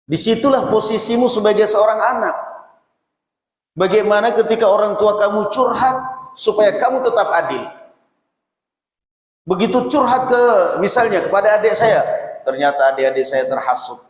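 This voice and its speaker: A man with an Indonesian accent giving a lively sermon at a mosque study session, acting out parents and children in quick asides. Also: high-pitched. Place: mosque hall. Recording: echoey mosque hall with long reverb.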